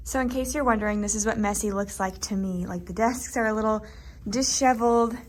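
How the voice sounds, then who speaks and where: A woman's voice: mid-range voice, fairly quick, a little hiss or hum. A young woman, a first grade teacher, chatting casually and upbeat as she walks through her classroom day. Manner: chatty, upbeat, filler-heavy. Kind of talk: casual vlog narration.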